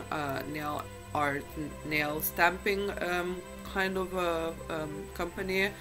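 A woman's voice: on the low side, fairly bright tone, poor audio. A woman chatting casually to camera as a beauty vlogger, in a groggy just-woken-up morning voice and a chatty, self-deprecating way.

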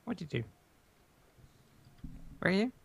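A man's voice: measured pace, no echo. A man chatting casually as he co-hosts a gaming video, playful, silly and teasing. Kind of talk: casual chat while playing Minecraft.

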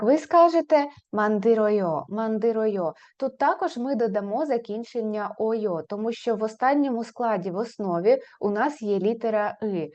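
A woman teaching an online language lesson, slowly and clearly repeating example words for her students. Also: medium pitch, darkish tone, dull audio.

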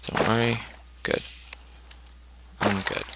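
A man casually commenting on his own gameplay, thinking aloud and cheering on his character. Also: takes it slowly. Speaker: let's play gamer. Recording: noisy home recording with keyboard clicks. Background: loud keyboard clicks and typing.

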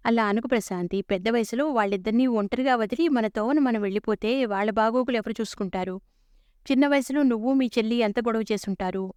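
A woman's voice: a little high, a little mellow, smooth, dry recording, clean studio sound, natural voice. Woman voicing a soothing young daughter-in-law. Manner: soothing, reasonable.

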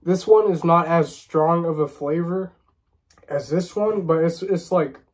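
In a small room, a young American vlogger reviews drinks, talking casually to the camera. He has a cold that leaves him stuffy and congested, and his voice sits on the high side at a measured pace.

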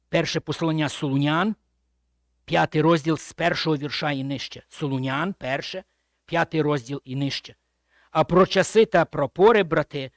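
A man preaching a sermon as pastor, speaking with emphasis and often dropping to a hushed, low voice at the end of a phrase. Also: no echo, studio quality. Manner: repeats and restates phrases while explaining.

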